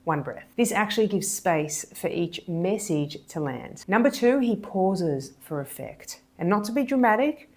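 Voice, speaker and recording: Woman, lowish voice, body language coach, measured, deliberate, emphatic lesson. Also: expressive, darkish tone. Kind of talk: explanatory video lesson.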